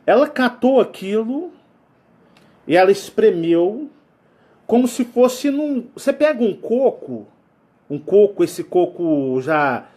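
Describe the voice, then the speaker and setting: Lively high-voiced Brazilian man, rambling. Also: slow pace. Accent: Brazilian Portuguese. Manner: rambling, adds a tag question after nearly every phrase. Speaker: channel host. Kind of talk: casual storytelling.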